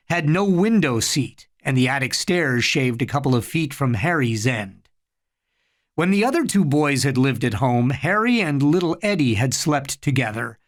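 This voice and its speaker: A man reading a story aloud in a slow, measured narration. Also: a little high. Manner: slow, measured reading with soft voiced dialogue.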